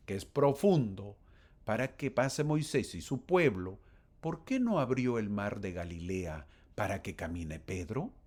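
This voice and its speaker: A man's voice: on the low side, darkish tone. A man giving a conversational scripture lesson. He speaks to the listener as a friend, asks rhetorical questions and reads verses aloud. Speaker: gospel teacher.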